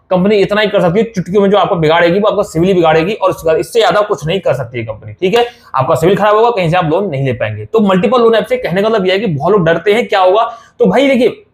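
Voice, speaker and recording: A man giving casual, reassuring money advice straight to his viewers, repeating his points and calling them brother. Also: sits high. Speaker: loan advice YouTuber. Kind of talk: casual direct-to-camera advice.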